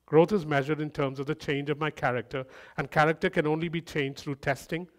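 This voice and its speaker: A man with a fairly high voice preaches a sermon in a relaxed, conversational way. He slips in humorous asides and builds his points by repeating phrases. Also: fairly quick.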